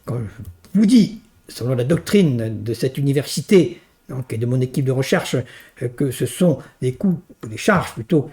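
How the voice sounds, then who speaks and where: A man whose voice is on the high side and warm in tone teaches a university course in technical finance. He lectures didactically and with emphasis, regularly dropping in short tag questions.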